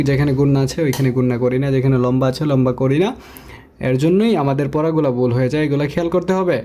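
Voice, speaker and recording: A man teaching Quran recitation, slowly spelling out and chanting Arabic syllables between quicker spoken explanations. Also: mid-range voice, warm tone.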